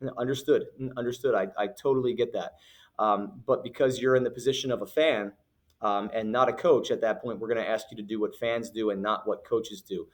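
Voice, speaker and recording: A man's voice: on the low side, fairly even intonation, fairly quick. A man running a youth basketball league, giving firm, earnest rules to parents in a recorded announcement, with many fillers and restarts. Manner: repeats phrases for emphasis.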